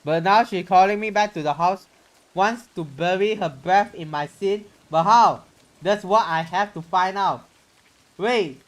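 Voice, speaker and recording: This is a male game streamer and host with a high, somewhat slow voice, captured on poor audio with music underneath. He reads story text aloud theatrically and comments casually, swearing mildly now and then.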